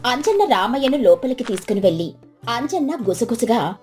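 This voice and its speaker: A woman narrating a moral storybook tale in an expressive, scripted way. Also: a little high, moderate pace, soft background music.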